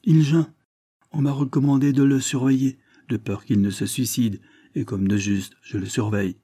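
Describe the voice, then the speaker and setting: An audiobook reader playing a chatty, self-satisfied prison guard. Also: male voice, medium pitch, little pitch movement, moderate pace, warm tone, slightly rough, no echo, studio quality, pitched above the performer's own voice, natural voice. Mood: smug. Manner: chatty, smug.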